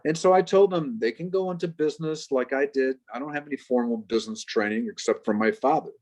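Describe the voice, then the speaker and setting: A man in his fifties from Chicago, a professor telling stories with quick jokes as a guest on a video-call interview. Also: medium pitch. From Chicago, United States. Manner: lively storyteller, quick asides and jokes.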